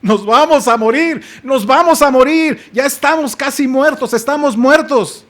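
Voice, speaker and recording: A man's voice: very high voice, level tone, a little fast, fairly bright tone, pitched above the performer's own voice. A man with a Mexican accent voicing terrified male disciples crying out in panic as a storm threatens their boat. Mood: panicked. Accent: Mexican Spanish.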